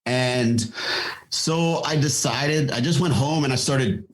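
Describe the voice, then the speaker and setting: Appearing on a podcast, a middle-aged man who started a fitness company takes his time, his mid-range voice coming through a low-quality recording. The interview talk is relaxed and considered, peppered with fillers and false starts.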